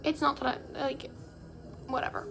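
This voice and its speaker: Young female vlogger, fairly high voice, valley-girl inflection, self-interrupting ramble; phone recording, soft music behind. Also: flat delivery, moderate pace, creaky. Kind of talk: casual chat to camera. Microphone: phone camera. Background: faint music playing.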